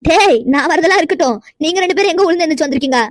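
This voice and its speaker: A woman voicing a bossy, teasing old village grandmother in a cartoon, who scolds her grandsons quickly and bluntly. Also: very high voice, dry recording, clean studio sound. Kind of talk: cartoon voice acting.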